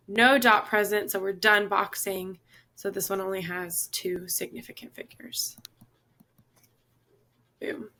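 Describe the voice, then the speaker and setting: Hoarse woman teaching chemistry step by step. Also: mid-range voice, sharp tone. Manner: patient, step-by-step explaining with frequent "all right" and "okay". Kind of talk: classroom lesson.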